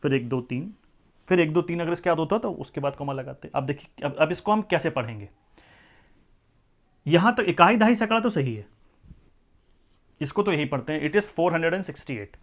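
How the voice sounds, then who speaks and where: A man teaching a maths class in a voice pitched a little above most men's. He works through each point patiently and keeps checking whether the students follow. He switches into English to read out the numbers. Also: expressive, moderate pace, long pauses. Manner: explains step by step, often asks the class questions. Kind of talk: classroom lecture.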